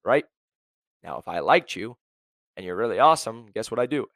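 A young man hosting a career podcast, blunt and high-energy, packed with "like" and "right?". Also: lively intonation, a little fast, gravelly, a bit bright, no room sound. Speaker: podcast host. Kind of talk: motivational career podcast talk.

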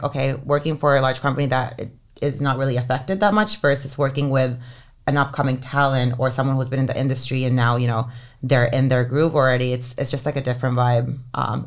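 She has a creaky bass voice. A Finnish entertainment lawyer in her thirties, she's a guest on a podcast, talking in a relaxed interview style that's chatty and full of "um" and "like" fillers.

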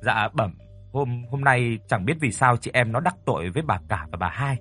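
A man's voice: medium pitch, expressive, moderate pace, a bit bright, faint music behind. Man doing a stammering frightened young servant. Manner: stammering, deferential.

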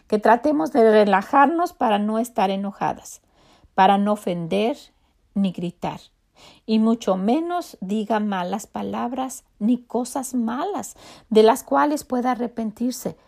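A woman's voice: on the high side, a little mellow. A woman giving a conversational Bible teaching on her podcast, reading verses aloud and explaining them earnestly, often repeating and restarting her words.

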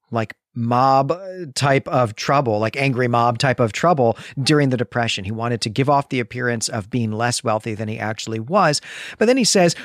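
A podcast host talks through a literary analysis, explaining things emphatically. His voice is medium-pitched, and the audio is clean studio sound with no echo.

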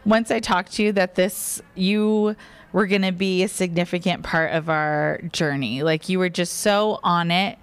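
A woman's voice: fairly low pitch, steady tone, measured pace, clear, resonant tone. A woman co-hosting, telling a personal story in a casual, giggly, informal way. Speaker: podcast co-host.

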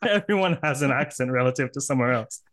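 A man's voice: mid-range voice, lively intonation, fast talker, fairly bright tone. A Canadian man hosting an interview podcast, chatty and rambling with a casual tone. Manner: chatty, rambling, laughs often. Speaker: podcast host.

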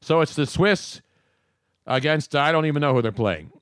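A man's voice: a little high, expressive, moderate pace, a bit bright, no echo, clean studio sound. Brash wisecracking male radio host. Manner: brash, wisecracking, digresses freely. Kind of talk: casual sports talk radio banter. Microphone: studio microphone.

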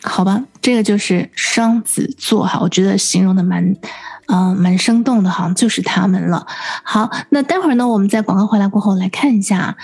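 A woman's voice: mid-range voice, brisk, darkish tone, husky, soft background music. A woman hosting a radio language lesson, asking curious questions and repeating the answers back. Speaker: host.

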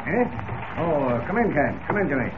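An actor playing a brusque, bossy older newspaper editor in 1940s radio drama. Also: male voice, fairly high pitch, big pitch swings, fairly quick, over loud music. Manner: blustering, brusque. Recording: tinny old radio recording, faint noise.

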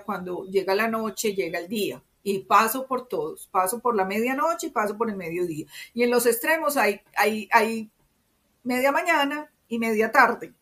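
An interview guest from Medellín, this woman speaks with a Colombian paisa accent from Antioquia and a voice on the high side. She explains things expressively and conversationally, often tacking on tag questions to check in.

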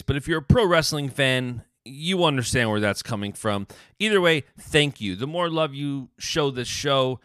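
A man's voice: medium pitch, fairly bright tone, no room sound, studio quality. A man hosting a podcast in a conversational way. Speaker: podcast host.

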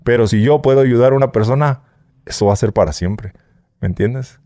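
Mexican guy chatting in an interview, mellow voice, dry close mic, keeps asking "right?". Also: mid-range voice, fairly quick, no echo. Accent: Mexican Spanish. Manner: candid storytelling, often asks "¿sí?" and "¿no?". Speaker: interview guest, former smuggler. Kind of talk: casual interview.

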